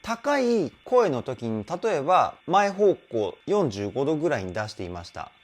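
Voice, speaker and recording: A man's voice: a little high, big pitch swings, unhurried. A man working as a vocal coach, giving enthusiastic, explanatory reaction commentary on a song and praising the singers often.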